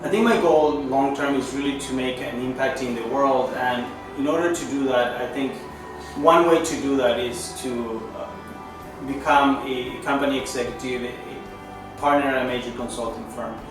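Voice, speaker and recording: A man in his thirties from Chile, a native Spanish speaker, giving an earnest testimonial as a management consultant, pausing and restarting often. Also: mid-range voice. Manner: earnest, halting, with frequent pauses and restarts. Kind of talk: testimonial interview. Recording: echoey room, distant mic, music underneath.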